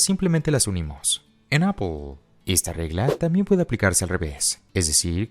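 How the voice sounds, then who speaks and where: A man explaining pronunciation rules as a teacher in patient, step-by-step scripted narration, slowing down to model example phrases. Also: fairly low pitch, darkish tone. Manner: models English phrases slowly. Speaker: English teacher.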